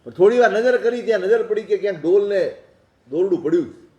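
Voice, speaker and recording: A man's voice: sits high, expressive, fast, dark tone, lo-fi sound. A man preaching a sermon, telling stories and asking rhetorical questions. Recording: echoey hall.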